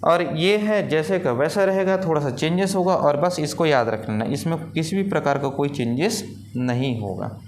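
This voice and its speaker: A man's voice: on the high side, moderate pace. A man teaches English grammar like a classroom teacher. He keeps asking questions and then gives the answers himself, over a faint hiss of background noise. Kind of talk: classroom-style grammar lesson.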